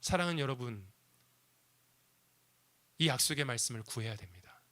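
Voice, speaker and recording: A man's voice: mid-range voice, expressive, normal speed, bright, forceful tone. A male pastor preaching a sermon, asking the congregation questions and building to emphatic, rising passages.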